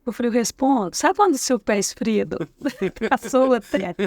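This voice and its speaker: A woman's voice: fairly high pitch, animated, moderate pace, no echo. A middle-aged woman with a Brazilian accent, a guest educator telling a story in a casual interview, acting out the dialogue and often adding tag questions. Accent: Brazilian Portuguese. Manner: acts out quoted dialogue, frequent tag questions.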